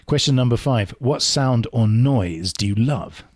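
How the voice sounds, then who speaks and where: A man hosting a podcast, playful and chatty as he jokes and works through a list of quick questions. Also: medium pitch, animated, a little mellow. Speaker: podcast host. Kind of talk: casual interview, rapid-fire questions.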